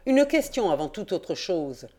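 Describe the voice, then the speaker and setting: A woman reading an audiobook, voicing a sharp, eager young male reporter who asks quick, insistent questions. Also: lowish voice, sing-song. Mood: probing.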